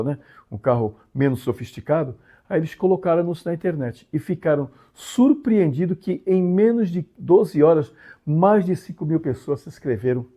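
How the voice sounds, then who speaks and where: A Brazilian man hosting his own channel explains a story in a relaxed monologue, sprinkling in tag questions and emphatic swings. His voice is fairly high-pitched and mellow.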